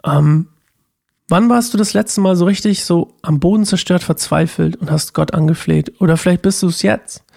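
A man's voice: high voice, moderate pace, creaky, darkish tone, dry recording, clean studio sound. A man hosting a psalm devotional, praying, reading scripture and commenting informally as he thinks aloud, with a self-deprecating touch. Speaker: host of a daily psalm devotional. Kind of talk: prayer, Bible reading and casual commentary.

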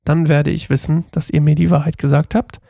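A man's voice: a little high, flat delivery, fairly quick, gravelly, warm tone, dry recording, studio quality. Josef, a man reading a stern ruler. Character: stern Egyptian ruler testing his brothers.

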